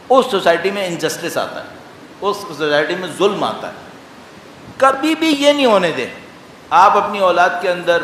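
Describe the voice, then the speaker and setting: A man with a Pakistani Urdu accent preaching a majlis sermon, animated and full of rhetorical questions, with recited Arabic supplications. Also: on the high side, slight background noise. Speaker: Shia preacher. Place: large hall. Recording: echoey hall recording.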